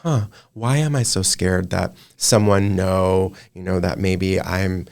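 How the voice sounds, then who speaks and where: A man's voice: deep voice, fairly even intonation, slow pace, gravelly, a little mellow. A man in his thirties, an image consultant, talking through his ideas at length in a casual interview. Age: 30s. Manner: thoughtful, talks in long run-on thoughts with restarts.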